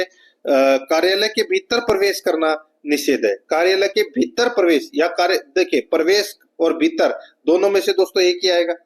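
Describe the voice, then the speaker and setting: A man with a Rajasthani Hindi accent teaching an exam prep lesson, reading out each question and explaining the answer, often calling his viewers friends. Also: a little high. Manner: repetitive, keeps addressing viewers as friends.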